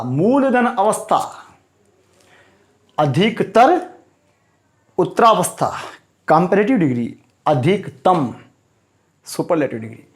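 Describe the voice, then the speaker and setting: A man teaching a grammar lesson, stressing each term, repeating it and quizzing the viewer. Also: high-pitched.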